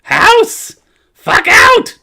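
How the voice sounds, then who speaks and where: Tiny pixie creature: squealing high, loud and indignant, broken speech, tabletop fantasy game. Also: male voice, wildly swooping pitch, very slow, creaky, heavily acted. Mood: frantic, angry. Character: tiny angry pixie-like creature under a bed.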